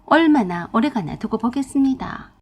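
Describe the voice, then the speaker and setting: Husky, fairly high female storyteller. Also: animated, normal speed, a little mellow. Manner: feisty, blunt retorts. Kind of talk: first-person story narration.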